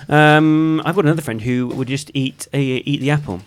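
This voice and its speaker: A man's voice: on the high side, steady tone, moderate pace, smooth. A man hosting a casual podcast chat, reading out questions with wry, mock-prim remarks. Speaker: podcast host.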